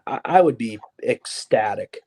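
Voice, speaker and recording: A man co-hosting a sports podcast, speaking casually and haltingly, filling gaps with "you know" and restarts. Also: medium pitch, animated, a little mellow. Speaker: podcast co-host.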